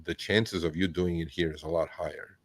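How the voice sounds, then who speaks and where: A man born in Turkey, hosting a live chat, talking bluntly and with profanity, telling animated stories. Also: low voice, fairly quick, dry recording. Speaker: host. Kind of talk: casual livestream chat.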